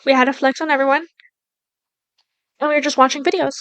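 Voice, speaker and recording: A young woman co-hosting a podcast, chatting excitedly and telling stories with lots of "like". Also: high-pitched, quick pace, no room sound, rough recording. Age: young adult. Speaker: podcast co-host. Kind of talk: casual chat.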